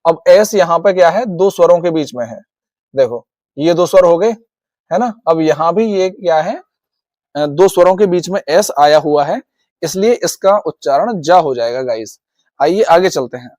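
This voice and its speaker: A man with an Indian accent runs a video lesson on English pronunciation. His voice sits high and the sound is dry and close, with no room around it. He often calls his viewers "guys" and repeats each rule as he goes. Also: animated, moderate pace, darkish tone, no echo. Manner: repetitive, addresses viewers as guys. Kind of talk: classroom-style video lesson.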